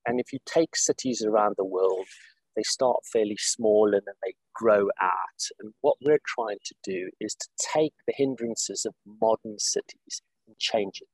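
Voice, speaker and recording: Low-voiced man from South Africa on a call. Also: a little mellow, no echo, low-quality recording. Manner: measured, with frequent fillers and restarts. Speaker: executive director, guest. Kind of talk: interview conversation. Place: Saudi Arabia, remote call.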